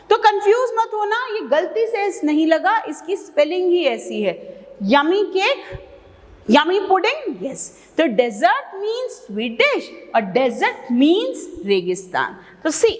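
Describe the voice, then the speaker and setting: A woman from India with an Indian English accent, teaching an English vocabulary lesson, stressing each word with slow care and breaking into quick asides. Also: very high voice, big-room sound. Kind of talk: bilingual classroom lesson.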